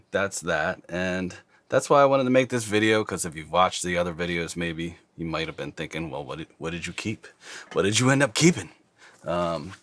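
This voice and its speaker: Very low-voiced man, mouth numb from dentist. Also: a bit bright. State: mouth slightly numb from dental anaesthetic. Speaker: host of guitar gear videos. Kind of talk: casual chat to camera. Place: small dark studio, indoors.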